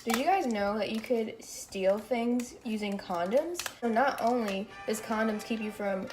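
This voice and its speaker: A woman's voice: fairly high pitch, measured pace, roomy sound, over loud music. A young woman vlogging in a home kitchen, chatting casually in a joking, self-mocking way into the camera mic. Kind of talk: casual chat. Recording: loud clicking noise in background.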